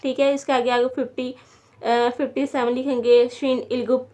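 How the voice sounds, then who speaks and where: A woman's voice: high-pitched, flat delivery, moderate pace, darkish tone. A woman teaching a beginner language lesson, patiently repeating each word several times and checking in with her students.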